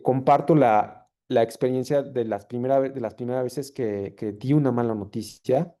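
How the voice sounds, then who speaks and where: A man's voice: medium pitch, mellow. A man, a physician and anthropologist giving a seminar talk, reflective and self-correcting with many fillers. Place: seminar room or video call.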